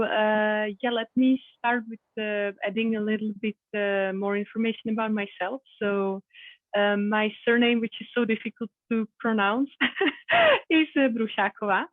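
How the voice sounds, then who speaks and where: A woman's voice: mid-range voice, dry recording. A woman in her thirties from the Republic, speaking, talking as an interview guest with many hesitant fillers. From Czech Republic. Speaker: guest, communications manager. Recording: tinny phone-like remote call.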